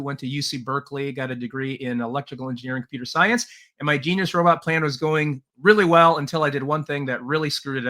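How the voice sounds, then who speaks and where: His voice runs on the high side and sounds pushed and bright as the middle-aged Taiwanese leadership trainer shares his personal history on a podcast. He speaks earnestly, often saying "uh" and laughing lightly, in a casual storytelling interview.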